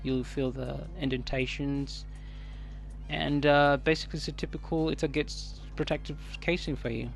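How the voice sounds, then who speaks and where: A man with a Kenyan East African accent giving casual unboxing commentary as a tech reviewer, haltingly thinking aloud. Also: fairly high pitch, steady tone, vocal fry, slight background noise. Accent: Kenyan English. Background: music.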